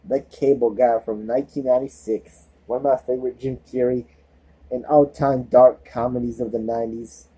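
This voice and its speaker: Husky man with a lisp, rambling. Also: medium pitch, steady tone, normal speed, mellow, low-quality recording. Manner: rambling, loses track and restarts often. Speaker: movie reviewer. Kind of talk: casual spoken movie review.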